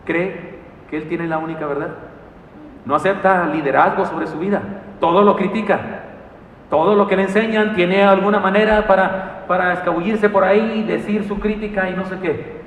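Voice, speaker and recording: A man preaching a sermon in a church, animated and telling stories with humor and asides. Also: sits high, normal speed, distant mic, slight background noise. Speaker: pastor. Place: church sanctuary. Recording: echoey hall, mic from afar.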